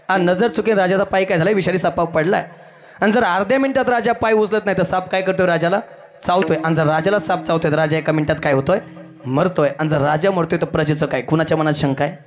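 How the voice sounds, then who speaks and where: A man preaching a devotional sermon, telling a folk story animatedly and throwing rhetorical questions at the audience. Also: high-pitched. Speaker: kirtan preacher.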